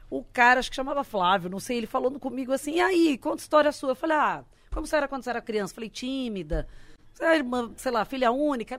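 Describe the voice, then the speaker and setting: A young adult woman, a comedian telling a story in casual chat and acting out the people she quotes. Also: a little high. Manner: animated, acts out quoted people.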